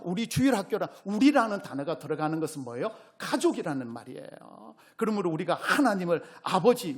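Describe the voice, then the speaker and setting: A male pastor with a Gyeongsang accent preaching a sermon, questioning his congregation and rising to loud exclamations. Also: on the high side. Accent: Gyeongsang Korean. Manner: call-and-response preaching, asks the congregation questions.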